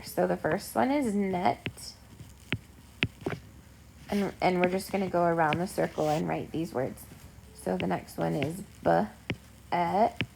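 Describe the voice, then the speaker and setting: A woman teacher guiding young children step by step through a lesson in simple, encouraging words, like a kids' show host. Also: fairly low pitch. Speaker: elementary school teacher. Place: at home. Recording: clear background noise with clicks.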